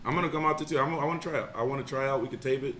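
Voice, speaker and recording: A man's voice: medium pitch, rapid-fire, fairly bright tone, a little hiss or hum. A man co-hosting a podcast, chatting casually and teasing his friends with jokes and stories. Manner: joking, teasing, storytelling. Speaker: podcast co-host. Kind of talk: casual chat.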